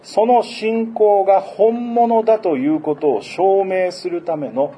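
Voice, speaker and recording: A man preaching a sermon, explaining scripture in a gentle, unhurried way with frequent fillers. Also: sits high, slight background noise. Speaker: pastor.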